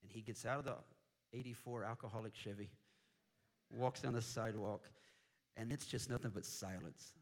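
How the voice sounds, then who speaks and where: A man preaching a sermon as a missionary, telling a humorous story in a jokey, animated way with sudden loud bursts. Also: on the low side, moderate pace, long pauses.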